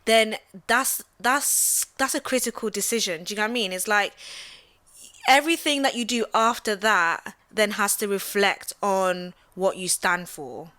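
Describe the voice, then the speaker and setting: A young woman raised in the Midlands, born in Central West Africa, arguing her view in a casual debate, talking in quick bursts with many fillers. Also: mid-range voice. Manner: animated, many fillers, often asks "do you get what I mean". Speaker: channel host.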